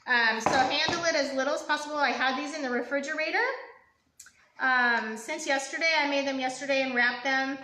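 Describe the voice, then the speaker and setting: Young woman, high bright voice, casual live cooking host, rambling and friendly, echoey kitchen. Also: fairly even intonation, a little fast. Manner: chatty, rambling, lots of ums and asides to viewers. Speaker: home cook hosting a live baking stream. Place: home kitchen.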